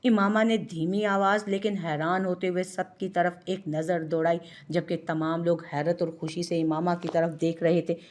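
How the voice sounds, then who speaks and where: A woman reading a story as narrator, in a steady, even way. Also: lowish voice, moderate pace, hardly any pauses, slight background noise.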